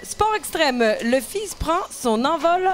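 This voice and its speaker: A woman co-hosting a casual live talk show with a slightly high voice. She reads items aloud playfully and with flair. Faint event noise sits in the background. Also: lively intonation, takes it slowly. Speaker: co-host.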